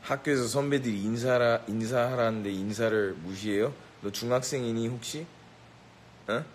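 A man's voice: mid-range voice, normal speed, a little hiss or hum, poor audio. A man bantering with a live audience in a brash, boastful, mock-bossy way, teasing and giving orders as a joke. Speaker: rapper addressing a live audience.

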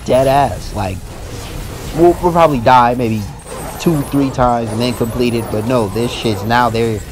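A man's voice: mid-range voice, a little slow, music in the background. A young man giving profane, frustrated commentary while playing a video game, his voice jumping up when annoyed. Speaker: gaming YouTuber. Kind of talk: live commentary over gameplay.

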